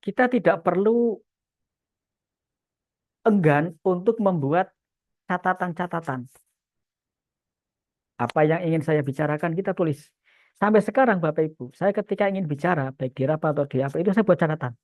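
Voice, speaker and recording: A male instructor lecturing civil service trainees, expressive, pushing his voice loud and then dropping it low for emphasis. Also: moderate pace, long pauses, no echo. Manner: expressive, swings loudness up and down for emphasis. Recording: tinny phone-like sound, dry.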